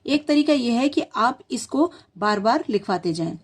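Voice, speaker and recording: A woman's voice: fairly high pitch, animated, moderate pace. A woman hosting a tutorial channel, patiently explaining to parents how to teach children spelling, sounding out words letter by letter.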